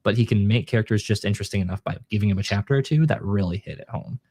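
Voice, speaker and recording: A man's voice: on the low side, very fast, darkish tone, breathy edge, dry recording, clean studio sound. A man co-hosting a podcast, chatting casually and enthusiastically about manga and acting out characters' lines. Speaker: podcast co-host.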